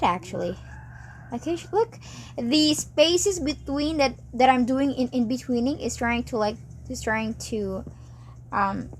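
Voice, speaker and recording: A woman talking to herself while animating on a tablet, rambling, cheering herself on and breaking into excited outbursts. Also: medium pitch, a little hiss or hum. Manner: rambling, self-encouraging, chatty with sudden excited outbursts. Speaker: animator narrating her work. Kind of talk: casual talk while drawing.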